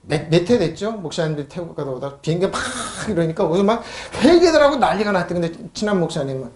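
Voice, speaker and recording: A woman pastor delivers an emphatic sermon, reading scripture and throwing rhetorical questions at her congregation. Her pitch swings widely as she presses each point. The recording carries the roomy echo of a church hall. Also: very animated, quick pace, a little mellow.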